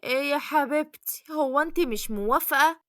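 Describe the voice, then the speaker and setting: A woman's voice: high-pitched, moderate pace, a bit bright, no room sound, studio quality. A woman voicing a polite middle-aged mother with an Egyptian accent, asking for a bride for her son in a cartoon story. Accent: Egyptian Arabic.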